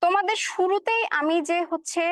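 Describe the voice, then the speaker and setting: A woman's voice: very high-pitched, brisk, no room sound, clean studio sound. A woman teacher giving a classroom lecture, explaining step by step and often checking that students follow, with English words mixed into her speech.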